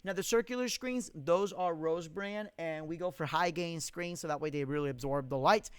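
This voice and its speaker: A man's voice: on the high side, moderate pace, clear, resonant tone, no room sound. A young man hosting a casual live Q&A stream, reading out viewer comments and answering them bluntly, with plenty of swearing and strong opinions. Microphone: studio condenser mic.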